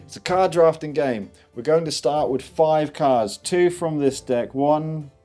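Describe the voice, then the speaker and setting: Man, board game co-host, playful, teasing, fairly high voice, faint music. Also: a little slow, darkish tone. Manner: playful, teasing, reads rulebook text with flourishes. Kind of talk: game playthrough narration.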